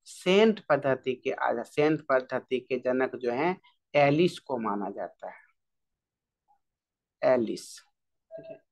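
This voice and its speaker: Slow man drilling a music lesson. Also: medium pitch. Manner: slow, repeats key terms drill-style with frequent "theek hai". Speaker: music teacher. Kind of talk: exam-prep music lesson.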